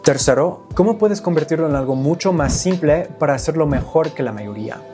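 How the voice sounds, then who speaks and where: A man's voice: a little high, animated, brisk, warm tone, soft background music. Young man teaching, English native. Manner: clear, step-by-step explaining. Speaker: language teacher and video host. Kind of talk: scripted lesson to camera.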